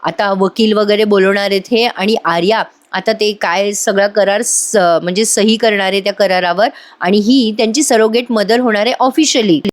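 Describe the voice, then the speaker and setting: A woman's voice: mid-range voice, steady tone, moderate pace. A woman giving a chatty voice-over recap of a TV serial, addressing viewers directly. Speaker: TV serial reviewer.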